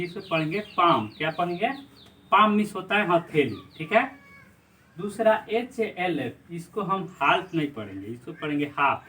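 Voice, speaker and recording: A man gives an English pronunciation lesson in Hindi, spelling letters slowly and quizzing his viewers. His voice sits slightly high. He is picked up from a short distance from the mic, with faint noise underneath. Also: a bit bright. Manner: repetitive quiz-style questions, slow spelled-out letters. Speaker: English teacher.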